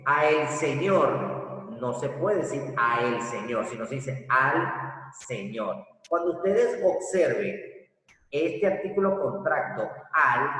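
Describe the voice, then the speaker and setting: A man teaching a recorded grammar lesson, explaining slowly and deliberately and asking rhetorical questions. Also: a little high, a bit bright. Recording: echoey room from far off.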